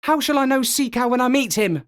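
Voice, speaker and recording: Excited little seal pup , man voicing it, high and bouncy, keeps shouting questions. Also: fairly quick, smooth. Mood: eager.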